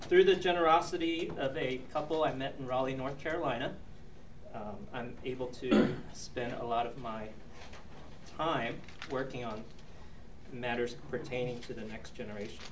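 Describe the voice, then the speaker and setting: Middle-aged Taiwan-born man, earnest ministry speaker, halting delivery; roomy, distant, muffled recording. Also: medium pitch. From Taiwan, raised in the U.S. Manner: earnest, with frequent ums and restarts. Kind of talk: presentation to a church audience. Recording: roomy, distant, dull recording with faint noise.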